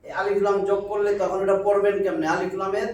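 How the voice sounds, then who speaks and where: Man, Quran teacher, patient, repeats himself, high voice, echoey room. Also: level tone, fast talker, a little mellow. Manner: patient, repeats words, checks understanding often. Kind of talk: classroom lesson at a whiteboard. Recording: echoey room, mic far off.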